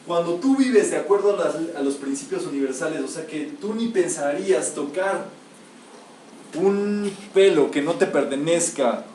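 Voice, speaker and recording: This metaphysics teacher's voice sits on the high side and sounds warm, his pace moderate as he lectures a gathered group on spiritual matters. Forceful in delivery, he quizzes listeners with rhetorical questions. A far-off mic picks up room echo and light hiss.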